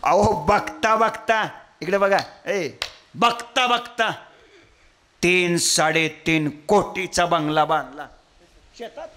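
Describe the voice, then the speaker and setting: A man's voice: high voice, takes it slowly, bright, forceful tone, slight background noise. A man preaching a devotional kirtan sermon, telling a story and quizzing his audience.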